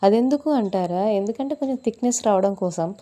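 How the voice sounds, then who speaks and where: Mom cooking in a tiny hot kitchen, chatty, keeps asking viewers stuff, mellow voice. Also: female voice, medium pitch, expressive, fast talker. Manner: chatty, asks viewers questions. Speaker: cooking vlogger and mother. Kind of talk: casual cooking vlog narration. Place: small hot kitchen room.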